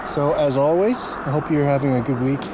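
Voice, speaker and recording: A man's voice: on the high side, a little fast. A man hosting a casual solo podcast, chatting in a hesitant, meandering way. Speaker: podcast host. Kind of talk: casual rambling solo chat. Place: inside a car. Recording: loud car and road noise.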